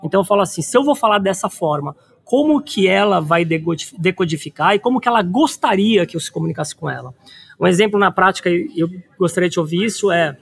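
A Brazilian man with a notably high voice, hosting a relaxed interview. He tells anecdotes with animation and draws out key words when he wants to make a point. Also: gravelly, husky. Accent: Brazilian Portuguese. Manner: animated storyteller, slows down to stress points. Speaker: podcast host. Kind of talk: conversational interview.

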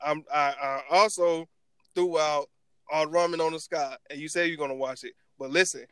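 A man's voice: on the high side, steady tone, moderate pace, clear, resonant tone, no echo. A young man hosting a casual debate among friends, talking in an insistent, slangy frat-bro way full of "bro". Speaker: host of a group anime debate.

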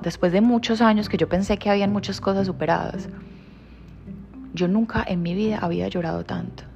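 A woman in her thirties giving a reflective motivational monologue, heartfelt and emphatic, sometimes dropping to a soft hush. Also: lowish voice, vocal fry. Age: 30s. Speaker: personal growth speaker.

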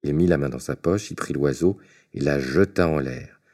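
Brief: male storyteller reading a fairy tale, very deep, mellow, measured.

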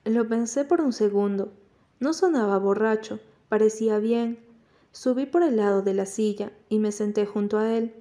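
Mellow-voiced woman reading an audiobook. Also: mid-range voice, normal speed. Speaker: audiobook narrator. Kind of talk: scripted first-person narration.

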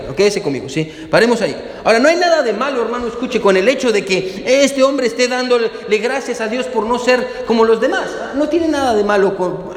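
A male pastor preaches with fervent drive, often breaking into small chuckles as he addresses his congregation. His voice sits high for a man. The sermon rings through a roomy church hall with a long, trailing reverb. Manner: fervent, repeats "hermano" and "amén", chuckles often.

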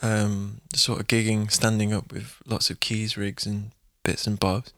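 Casting: male musician guest, lowish voice, rambling and hesitant, dry close mic. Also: a little slow, no echo. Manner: relaxed, rambling, hesitant with many ums. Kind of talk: casual interview talk.

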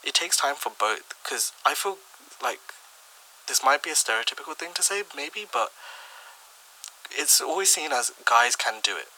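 Young male co-host, very bright sharp tone, easygoing advice-giver. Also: on the high side, expressive, normal speed, a little hiss or hum, poor audio. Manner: laid-back, giving advice. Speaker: podcast co-host. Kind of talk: casual chat.

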